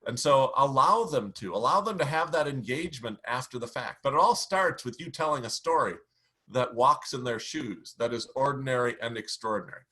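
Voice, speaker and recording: Middle-aged guy coaching on presentations, bright forceful voice, measured and emphatic. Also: medium pitch, expressive. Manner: measured, emphatic teaching delivery. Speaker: speaking coach. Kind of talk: instructional talk.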